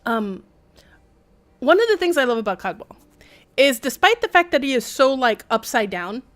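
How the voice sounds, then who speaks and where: Game music fills the background as a woman with a high-pitched voice streams a video game at a moderate pace. She comments and reads the in-game text aloud, sounding wry, chatty, and expressive.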